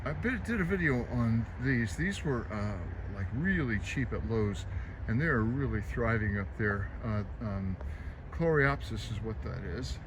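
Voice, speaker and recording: A man's voice: medium pitch, expressive, unhurried. An American man giving a casual, plainspoken garden vlog, explaining things informally as he goes. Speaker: garden vlogger. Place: outdoors in a home garden. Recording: noisy outdoor recording with traffic. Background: traffic and outdoor ambience.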